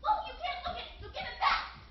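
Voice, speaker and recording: A woman's voice: very high voice, animated, fast talker, very echoey, far from the mic, lo-fi sound. A young woman playing a defiant colonist in a student skit, indignant and insistent.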